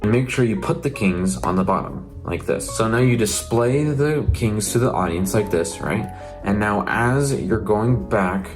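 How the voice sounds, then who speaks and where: Low-voiced man teaching casually over music. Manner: informal, repetitive instructing. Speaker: magic tutorial presenter. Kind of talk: casual step-by-step tutorial narration. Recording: music playing behind the voice.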